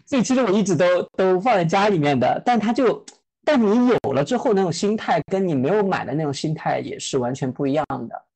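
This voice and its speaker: A woman's voice: fairly low pitch, lively intonation, brisk, dark tone, husky. A woman in her thirties co-hosting a casual podcast chat. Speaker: podcast co-host.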